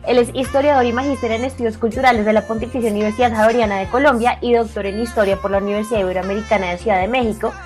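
A woman panelist on a radio show, speaking in a brisk, upbeat way. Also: fairly high pitch, fairly even intonation, a little mellow, faint music behind. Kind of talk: radio introduction.

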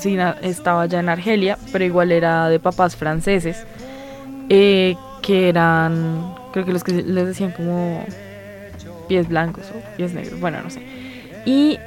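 A woman's voice: on the low side, steady tone, moderate pace, a little mellow, soft background music. Chatty woman explaining at length. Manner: explanatory, rambling with fillers and hedges. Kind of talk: casual literary discussion.

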